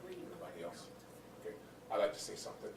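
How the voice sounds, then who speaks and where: A man chairing a school board meeting, speaking in a measured way and repeating words as he searches for them. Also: fairly low pitch, big pitch swings, creaky, very noisy. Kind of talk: formal board meeting remarks. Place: meeting room. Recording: echoey room mic from far off.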